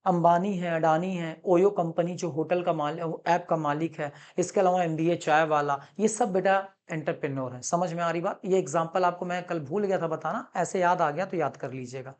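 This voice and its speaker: A man teaching commerce in a classroom lecture, animated and coaxing, calling students son and checking that they have understood. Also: high voice. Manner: calls students son, mixes English terms into Hindi.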